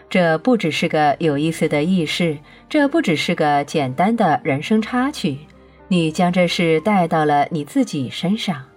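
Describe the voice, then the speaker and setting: A woman gives voice to a patient, all-knowing divine speaker who explains calmly and presses each point home, in a lowish register. Faint music runs beneath the audiobook reading.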